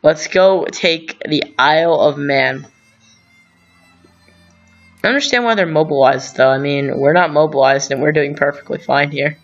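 A man's voice: on the high side, measured pace. A man hosting a gaming channel, thinking aloud through strategy game commentary with rambling asides and self-corrections. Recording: dull lo-fi sound, faint music.

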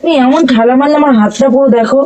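A woman's voice: high voice, racing, very noisy. A young woman with a Bengali accent, coaxing and pleading with her husband, exasperated when he ignores her. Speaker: wife in a prank video.

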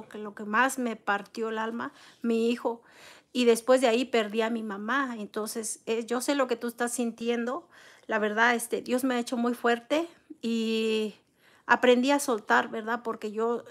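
A middle-aged woman hosts a casual livestream. She reads viewers' names and comments aloud and answers them in a gentle, consoling way. Her voice is gravelly and sits a little high. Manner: eats soup between comments. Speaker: livestream host. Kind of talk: casual live chat reading comments.

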